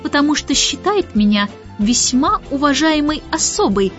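A woman voicing a prim, strict young nanny who speaks crisply in an audiobook. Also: sits high, expressive, a bit bright, pitched above the performer's own voice. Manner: crisp and brisk. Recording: muffled audiobook with faint music.

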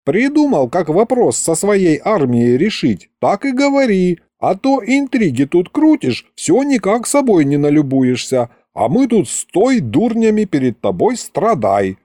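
A man voicing a complaining, sharp-tongued old grandfather in an audiobook. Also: high-pitched, sing-song, measured pace, dry recording, clean studio sound, pitched above the performer's own voice. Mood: grumbling. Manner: whiny, complaining. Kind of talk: audiobook character reading.

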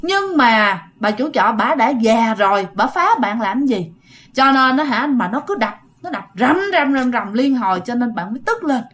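A woman's voice: a little high, expressive, normal speed. A woman with a Southern Vietnamese accent telling a ghost story in a chatty, casual way, talking straight to her listeners. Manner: chatty, addresses listeners directly, acts out quoted shouts.

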